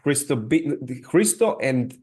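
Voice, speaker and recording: Halting Serbian-accented man hosting. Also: fairly high pitch, lively intonation, a little mellow, slightly rough. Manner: halting, many restarts and fillers. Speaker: podcast host. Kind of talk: casual interview chat.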